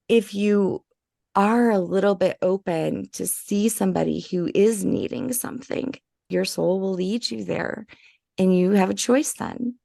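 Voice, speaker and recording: Female podcast host; low and gravelly, affirming, dry close sound. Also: mellow, dry recording. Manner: affirming, quick to agree. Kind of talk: casual interview.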